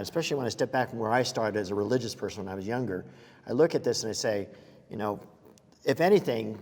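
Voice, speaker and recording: A man in his sixties who is a scientist argues his points in a measured, articulate way on a discussion panel. His voice is fairly low. The sound carries a long reverb from a large room. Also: a little mellow. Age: 60s.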